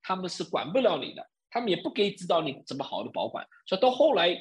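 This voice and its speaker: A man's voice: sits high, sing-song, fast talker. A man speaking Mandarin as a non-native with a foreign accent, explaining things off the cuff in a didactic way, often checking that listeners follow. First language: not a native Mandarin speaker. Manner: didactic, with frequent check-in tags. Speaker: interview guest, crypto wallet expert. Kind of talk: spontaneous explanatory talk.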